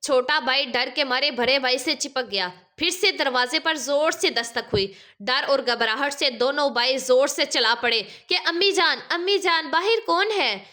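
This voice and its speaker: High, bright-voiced woman storyteller. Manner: emotive, dramatic. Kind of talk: scripted story narration.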